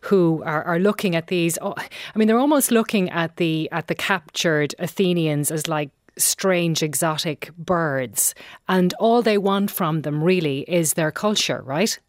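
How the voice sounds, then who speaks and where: A woman's voice: fairly low pitch, a little slow, no echo, clean studio sound. A woman interviewing in a conversational, reflective way, feeling her way through her questions.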